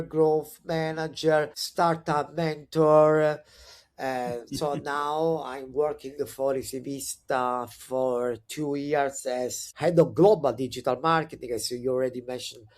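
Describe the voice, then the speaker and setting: Born in Italy and now in his forties, this accented podcast guest speaks at a normal mid-range pitch while recounting stories in an easygoing conversational interview. His talk is full of hesitation, filler words, and fresh starts, but his excitement makes him lively and cheerful.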